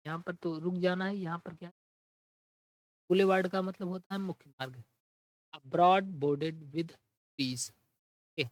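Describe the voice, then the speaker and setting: A man's voice: high-pitched, dry recording, poor audio. Man teaching vocabulary, dry close sound. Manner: explains in Hindi, reads English definitions slowly. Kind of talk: exam-prep vocabulary lesson.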